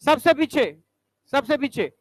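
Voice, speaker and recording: A male teacher quizzing students in a classroom, briskly ordering them to stand up and recite examples. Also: extremely high pitch, no room sound.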